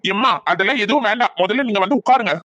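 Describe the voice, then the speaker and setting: A woman's voice: a little high, very fast, a bit bright, lightly acted. A woman voicing a cheerful young man in a cartoon who has come home from abroad and reassures his mother.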